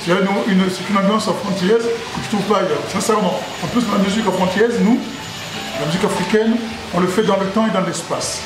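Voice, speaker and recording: A man's voice: sits high, fairly even intonation, fairly quick. A man in his sixties from Congo, a restaurant owner, answering interview questions in a jovial, rambling way that repeats itself, in his restaurant. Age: 60s. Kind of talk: casual interview. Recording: echoey room with loud background noise.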